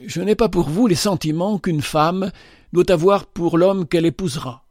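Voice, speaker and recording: Man reading as a composed young lady, light and firm, pitched up, dry close mic. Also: moderate pace, a little mellow, no room sound, close to an everyday voice. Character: young woman, poised, lightly teasing, then firm. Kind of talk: audiobook dialogue reading.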